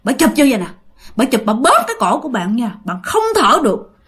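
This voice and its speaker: Woman, chatty ghost-story narrator, high, lively, repeats for effect. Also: fairly quick. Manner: animated, repetitive, addresses listeners directly. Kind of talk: conversational ghost story telling.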